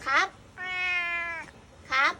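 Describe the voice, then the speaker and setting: A woman's voice: extremely slow, pushed and bright, slight background noise. A woman chatting casually and playfully, coaxing a cat with short repeated phrases. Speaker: cat vlogger talking to a stray cat and viewers. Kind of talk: casual pet chat, cooing questions to a cat.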